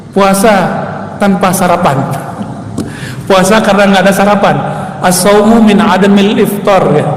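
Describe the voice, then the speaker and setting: Indonesian preacher, high voice, echoing hall. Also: male voice. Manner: relaxed conversational preaching, addressing listeners as Pak. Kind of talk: sermon. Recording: echoey hall recording.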